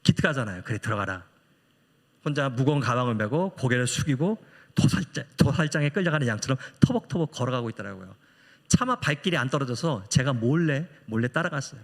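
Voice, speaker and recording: A man's voice: mid-range voice, animated, fast talker. A middle-aged man, a missionary preacher telling a personal story in a sermon and acting out the voices he quotes. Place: church sanctuary. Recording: long church hall reverb.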